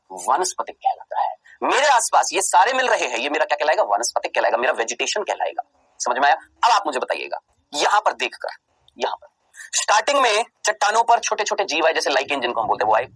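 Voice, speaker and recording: A man teaching a biology exam-prep lecture, who asks rhetorical questions and answers them himself, repeats key terms slowly for emphasis, and plays his students' replies. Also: fairly high pitch, fairly bright tone, breathy edge, dry recording, poor audio.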